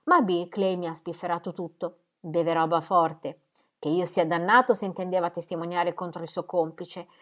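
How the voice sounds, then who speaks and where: A woman's voice: fairly low pitch, natural voice. A woman voicing a boastful, sarcastic male horse dealer who gossips with bluster.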